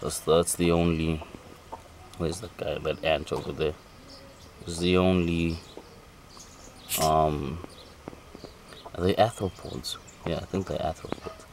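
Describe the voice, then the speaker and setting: Filming a farmyard outdoors with a handheld camera, an amateur vlogger muses casually and off the cuff about the animals, often asking himself questions. His voice sits low and level, and he speaks slowly with frequent pauses. Recorded from behind the lens, the audio is noisy outdoor camera sound full of birds and insects.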